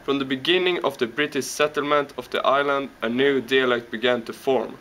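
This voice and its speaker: A man's voice: mid-range voice, fairly bright tone, poor audio. A man reading a text aloud in a casual home video, stumbling carefully over the words. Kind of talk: halting read-aloud.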